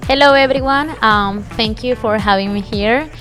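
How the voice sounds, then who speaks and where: A woman's voice: a little high, normal speed, fairly bright tone, faint music behind. Young woman. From Peru. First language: Spanish. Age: young adult. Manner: upbeat, hesitant with um fillers. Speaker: podcast guest. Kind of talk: friendly interview answers. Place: media studio.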